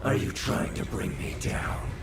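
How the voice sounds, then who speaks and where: A man's voice: unhurried, close to an everyday voice. An actor playing a gleeful psychotic killer in an anime dub, taunting his victims with mock concern. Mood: menacing. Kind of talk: anime dub villain acting. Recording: echoing voice under loud music.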